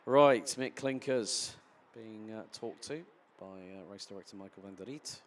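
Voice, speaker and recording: A man commentating live on a kart race, turning excitable at incidents and chatty in between. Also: on the low side, unhurried, a little hiss or hum. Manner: excitable, rising sharply at incidents then settling into chatty explanation.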